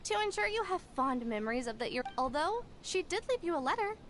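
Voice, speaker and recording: A woman's voice: very high-pitched, very animated, brisk, fairly bright tone, slight background noise, exaggerated voice. A woman voicing a young female festival booth attendant in a video game, chirpy and formally polite. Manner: formal, chirpy customer service. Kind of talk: video game character acting. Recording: music behind the voice.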